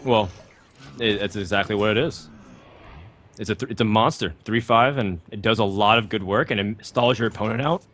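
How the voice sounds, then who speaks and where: A man's voice: lowish voice, fairly quick, a bit bright. A man giving live card game commentary, thoughtful and analytical, with frequent ums and likes. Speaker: esports commentator.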